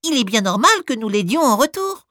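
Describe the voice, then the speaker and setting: A tiny, squeaky storybook mouse. She chirps along quickly and eagerly in a very high voice, recorded close and dry. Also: big pitch swings, pushed and bright, dry recording. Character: tiny helpful female mouse.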